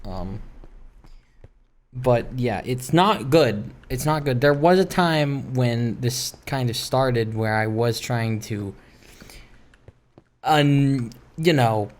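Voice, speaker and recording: Slow and pausing often, a gaming streamer with a mid-range, darkish voice talks hesitantly over gameplay, rambling wryly and interrupting himself. The recording comes from a streaming microphone in a home room, where background noise is clearly present.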